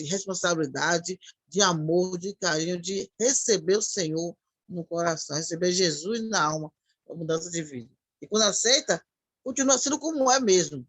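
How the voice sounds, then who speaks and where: A woman's voice: fairly low pitch, dry recording. A woman in a devotional conversation, talking in an earnest, repetitive way and thinking aloud as she goes. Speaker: church sister in a ministry chat.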